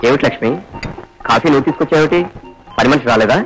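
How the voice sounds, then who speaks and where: An actor playing a calm, kindly man who speaks gently and teases lightly. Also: medium pitch, racing, close to an everyday voice, rough recording. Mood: gentle. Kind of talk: 1980s Telugu film drama. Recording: old film soundtrack with music under the dialogue.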